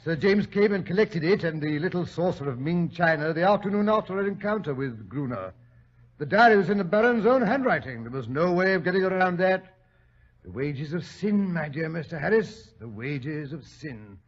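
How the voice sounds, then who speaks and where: An actor playing a genteel, hesitant British doctor who tells stories in a fussy way, in 1940s radio style. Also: male voice, fairly high pitch, lively intonation, normal speed. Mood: genteel storytelling. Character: genteel, flustered British doctor, loyal storyteller. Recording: dull lo-fi old radio recording.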